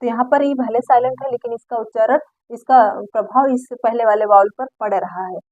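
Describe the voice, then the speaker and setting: A woman teaching English pronunciation explains its rules patiently, repeating key points and asking questions she then answers herself. Her voice is fairly high, brisk and a little mellow, with fairly even intonation. The recording is dry, muffled and lo-fi, with no echo.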